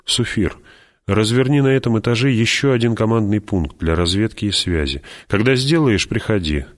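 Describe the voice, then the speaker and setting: A man's voice: on the low side, expressive, moderate pace, pitched above the performer's own voice, close to an everyday voice. A man reading an audiobook, voicing a decisive noble duke who speaks firmly and with dry irony. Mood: commanding.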